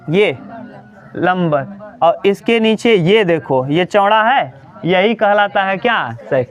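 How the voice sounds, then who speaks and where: A man teaching a class in a relaxed lecture style, often asking questions and answering them himself. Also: sits high.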